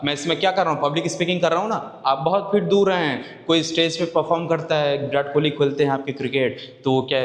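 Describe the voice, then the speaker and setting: A male teacher giving a classroom lecture, asking his students questions and answering them himself, with key terms repeated slowly. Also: fairly high pitch. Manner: conversational, asks and answers his own questions. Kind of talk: exam-oriented classroom lecture. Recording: echoey room with long reverb.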